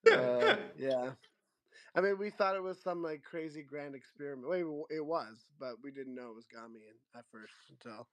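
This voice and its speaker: A man hosting a casual livestream chat, relaxed and rambling, often trailing off and restarting his sentences. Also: a little high, normal speed. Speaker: show host.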